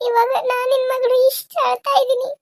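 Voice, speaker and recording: A woman's voice: extremely high pitch, level tone, fairly quick, darkish tone, dry recording, clean studio sound. A woman doing a sobbing, grieving daughter. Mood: wailing. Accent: Kannada. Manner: wailing, pleading, despairing. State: crying. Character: grieving orphaned daughter, desperate and tearful. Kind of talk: cartoon serial voice acting.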